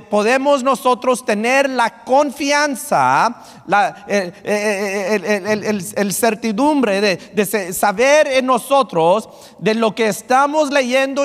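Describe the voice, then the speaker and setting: A male pastor preaches with emphatic repetition, switching into English now and then. His voice is high for a man. The long reverb of a church sanctuary trails behind every phrase. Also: fairly bright tone. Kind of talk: sermon.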